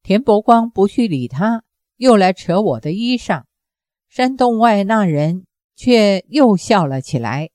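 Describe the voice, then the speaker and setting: A woman narrates a novel at a slow, deliberate pace in an even, measured storytelling voice. Her tone is mellow and dark rather than bright. The recording is close and dry, with no room sound. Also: medium pitch, no room sound. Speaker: audiobook narrator. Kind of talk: novel reading, steady narration.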